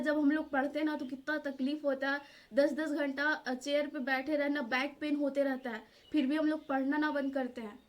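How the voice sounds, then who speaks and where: A woman from Jharkhand, India, talking earnestly to the camera in a casual vlog, pleading with many fillers. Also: sits high. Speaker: vlogger.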